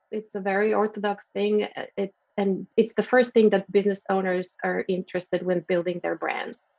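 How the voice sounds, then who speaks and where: A woman from Bulgaria giving a friendly branding talk over a video call, with frequent restarts and fillers. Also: mid-range voice. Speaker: guest speaker. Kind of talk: branding presentation on a video meeting. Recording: dull lo-fi video call audio.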